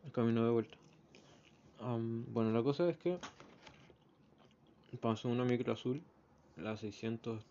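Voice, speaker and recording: A man's voice: lowish voice, warm tone. A young man with a Chilean Spanish accent, recounting a bus ride in a casual spoken diary and acting out the voices of the people in it. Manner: rambling storyteller, acts out the voices in his anecdotes. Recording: slightly muffled with faint background noise.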